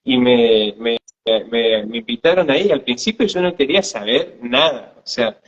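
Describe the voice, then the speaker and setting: A man's voice: mid-range voice, lively intonation, moderate pace. A man, co-hosting and telling a personal spiritual story hesitantly, often repeating words. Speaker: podcast co-host. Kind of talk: casual spiritual storytelling chat. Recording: slightly dull lo-fi sound.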